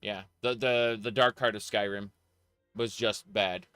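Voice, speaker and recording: A man's voice: lowish voice, fairly even intonation, measured pace, sharp tone, smooth, no echo. A man giving casual live gameplay commentary as a streamer, rambling and opinionated, repeating phrases for emphasis. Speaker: game streamer. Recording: dry close voice over faint music. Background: faint game music.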